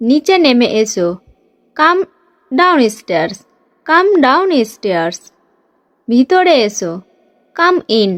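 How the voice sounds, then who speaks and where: Slow, lively woman drilling phrases. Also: high voice, no echo. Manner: reads each Bengali phrase briskly, then says the English slowly twice. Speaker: English teacher.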